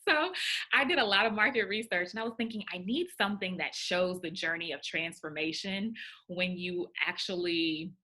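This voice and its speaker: A woman's voice: fairly low pitch, moderate pace, pushed and bright. A young adult woman from Houston, a career coach speaking as a podcast guest, upbeat and emphatic, laughing easily. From Houston, Texas. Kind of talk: interview conversation.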